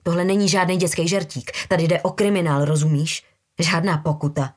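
A woman voicing a brutal, menacing young man who talks in low, slangy threats. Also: fairly even intonation, lightly acted.

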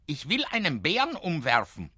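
A man's voice: a little high, moderate pace, breathy edge, no room sound, studio quality, voice pushed up, full character voice. A man voicing a small, eager, boastful boy from a storybook who wants to wrestle a bear. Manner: excited, boastful.

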